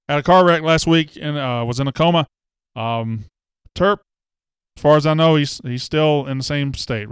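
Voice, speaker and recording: In a relaxed live-stream chat, a host with a smooth, mid-range voice reads viewer comments and makes self-mocking jokes. There is no room sound in the recording.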